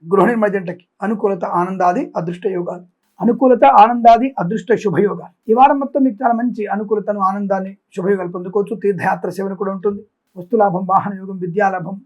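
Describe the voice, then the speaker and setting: A man's voice: sits high, a little mellow. A man giving weekly horoscope predictions as an astrologer. He rattles off long lists of blessings and breaks into preachy, sarcastic asides. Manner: preachy, moralizing.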